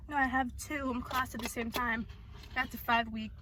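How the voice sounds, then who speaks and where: A young woman chatting bluntly and laughing with a friend over fast food in a parked car. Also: a little high, fairly even intonation, background noise. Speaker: college student friend. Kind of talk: casual chat while eating. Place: parked car in a parking lot.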